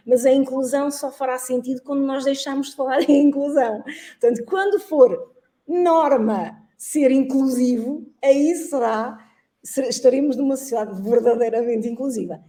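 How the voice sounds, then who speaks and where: A middle-aged woman from Angola talks in an interview with a warm, mellow voice set a little high. She speaks earnestly and reflectively and laughs often as she explains her views. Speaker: guest, social entrepreneur and teacher. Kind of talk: interview conversation.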